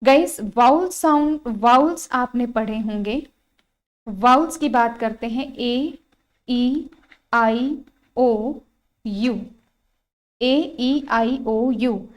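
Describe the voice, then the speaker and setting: A woman with a high, clear voice teaches an exam-prep grammar lesson. She spells out vowels one by one, repeats each rule and keeps checking with her students. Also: very slow, long pauses. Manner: repeats points, asks students rhetorical questions, spells out vowels. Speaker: English teacher.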